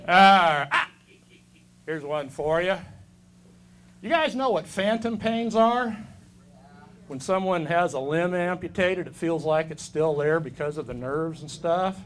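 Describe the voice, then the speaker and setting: A man's voice: on the high side, lively intonation, a little slow, pauses often, fairly bright tone, slight background noise. A man in his fifties performing a stand-up set, delivering dry, self-deprecating one-liners on a comedy club stage. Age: 50s.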